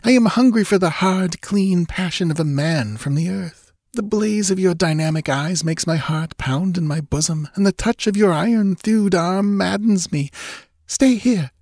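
A man's voice: high voice, gravelly, a little mellow, dry recording, clean studio sound, pitched above the performer's own voice, heavily acted. A man reading aloud and voicing a seductive, lazily mocking Stygian woman. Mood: seductive pleading. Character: sultry scheming Stygian woman, mocking and languid.

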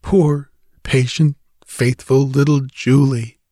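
A man's voice: medium pitch, little pitch movement, slow pace, dark tone, no echo, clean studio sound, voice pushed up. A man reading as a strained young man. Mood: tender.

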